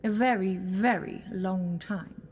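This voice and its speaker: A woman's voice: mid-range voice, slow, a little mellow, breathy edge. A woman acting in an audio drama as a sly, mocking alien villainess posing as a goddess, theatrical and taunting. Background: music.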